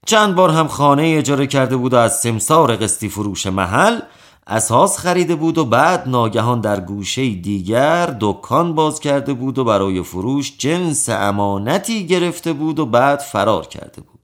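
A man reading an old folk tale aloud as storyteller, in a steady, even storytelling voice. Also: medium pitch.

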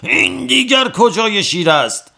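A man's voice: a little high, expressive, pushed and bright, voice pushed up. A man voicing a boastful strongman who whines and yelps at the pain of a tattoo needle. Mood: exasperated. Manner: yelping, whining complaints. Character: boastful adult male strongman, cowardly about pain.

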